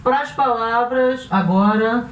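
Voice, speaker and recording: Recorded from a distance in an echoey room with faint hum, a Brazilian male Spanish teacher with an extremely high-pitched, slightly bright voice leads a lesson at the board. He speaks slowly and patiently in a Brazilian Portuguese accent, spelling out syllables and repeating examples.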